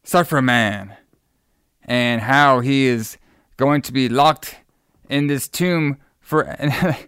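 A man's voice: mid-range voice, slow, a bit bright, smooth, no room sound, studio quality. A man hosting a casual film review chat, telling things in a loose, jokey way. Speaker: podcast host.

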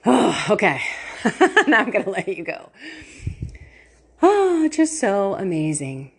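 Husky-voiced woman, earnest podcast host. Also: medium pitch, a little slow. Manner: earnest and animated, laughing often. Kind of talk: faith podcast talk.

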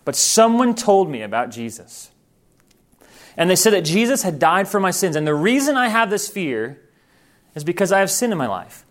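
A man's voice: sits high, very animated, moderate pace. Earnest man teaching missionaries. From Thailand. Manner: earnest, informal, self-correcting. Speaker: missionary trainer. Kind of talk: conversational training talk.

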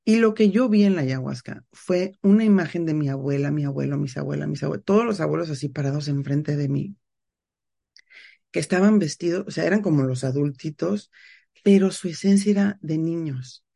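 A middle-aged woman from Mexico with a Mexican Spanish accent hosts a casual podcast monologue, talking freely with slang and often ending phrases with a questioning "¿no?". Her voice is low-pitched, creaky and dark-toned with a breathy edge, at a moderate pace.

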